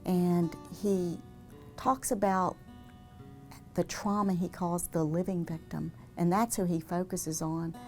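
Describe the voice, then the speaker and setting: A woman speaking earnestly and in a measured way in a documentary interview. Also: on the low side, little pitch movement, faint music behind.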